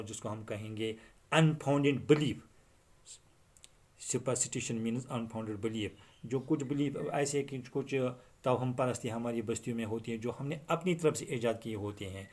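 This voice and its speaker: Man teaching a lesson, middle pitch, reads english lines real slow then explains. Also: darkish tone.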